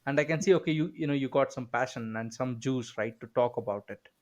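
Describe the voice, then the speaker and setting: A podcast host with a medium-pitched voice talks a little fast, joking and teasing his guest in casual interview chat and dropping frequent filler backchannels.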